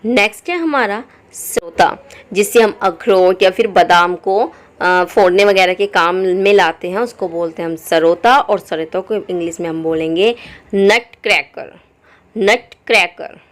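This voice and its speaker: A woman teaching English words for kitchen items in Hindi, repeating each word slowly and clearly. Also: mid-range voice. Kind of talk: vocabulary lesson.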